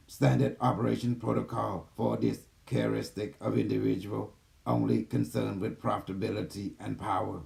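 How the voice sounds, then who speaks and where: A man voicing a gentle, calm male care robot that speaks in soft, low, clipped system announcements over a video call. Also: gravelly. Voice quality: soft, low, even machine-like delivery. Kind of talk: channeling a machine entity on a video call.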